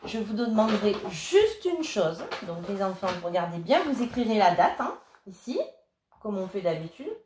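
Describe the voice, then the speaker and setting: A woman teaching young children remotely, dictating words slowly and patiently. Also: mid-range voice, big pitch swings, darkish tone, a little hiss or hum. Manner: slow, clear, patient dictation. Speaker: primary school teacher. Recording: echoey room.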